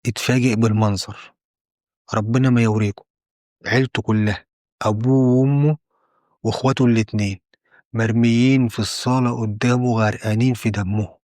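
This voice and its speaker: A man's voice: mid-range voice, a little mellow, no room sound, clean studio sound. A man with an Egyptian Arabic accent telling a true crime story in a conversational way, often repeating and restarting his phrases.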